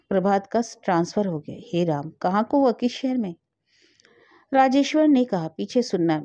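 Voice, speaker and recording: A woman tells a heartfelt story, voicing every part herself in a calm, even read. Her voice is mellow and warm. The recording is dry and slightly dull. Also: medium pitch, no room sound. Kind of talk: scripted story narration.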